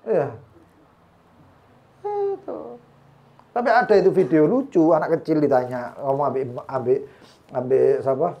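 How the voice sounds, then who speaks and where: A man's voice: on the high side, expressive, measured pace, vocal fry, long pauses, dull audio. A man with a Javanese accent teaching an Islamic study session, weaving Arabic quotations and humorous asides into his sermon. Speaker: religious teacher.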